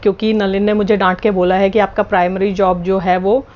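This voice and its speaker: A woman's voice: medium pitch, flat delivery, a little fast, lo-fi sound. A woman vlogging at home in casual chat, playful and teasing, switching between Hindi and English. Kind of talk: casual vlog chat to camera. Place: at home indoors.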